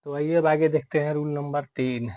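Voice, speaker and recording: A man teaching a grammar lesson, explaining rules slowly and repeating each step, calling his viewers dear friends. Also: fairly high pitch, fairly even intonation, warm tone, slight background noise. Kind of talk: classroom-style grammar lesson.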